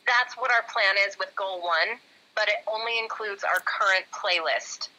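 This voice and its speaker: A woman's voice: mid-range voice, moderate pace, pushed and bright, low-quality recording. A woman co-hosting a casual live question-and-answer chat, teasing, giggly and rambling. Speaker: co-host and composer in a live Q&A.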